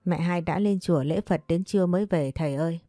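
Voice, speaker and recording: A woman narrator gives voice to a clever young lady of a wealthy house, polite and deferential. Her tone is low and mellow, recorded dry and close. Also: quick pace, no room sound, natural voice. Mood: anxious, polite. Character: young wealthy wife, worried but clever.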